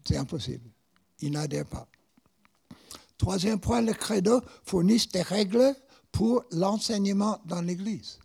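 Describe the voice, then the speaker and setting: A man with an American accent delivers a sermon in a high, lively voice that rises and falls a lot. His pace is slow and deliberate, and he often repeats words as he tells a story. The voice has a gravelly, husky edge. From United States. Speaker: preacher.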